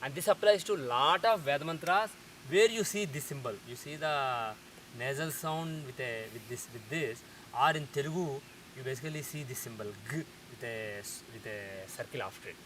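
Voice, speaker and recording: A man teaching a lesson, explaining carefully and slowing down to sound out example words. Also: medium pitch, background noise.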